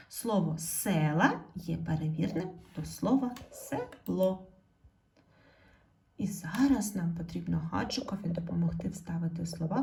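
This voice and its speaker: A woman teaching a primary school spelling lesson. She speaks slowly and clearly, calls out example words loudly and drops almost to a whisper when stating the rule. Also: on the low side. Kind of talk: slow, clear classroom explanation.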